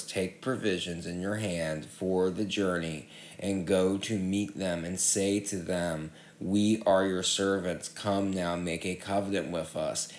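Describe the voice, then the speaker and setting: A man giving a measured, steady public reading of Bible passages. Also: deep voice, roomy sound. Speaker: scripture reader.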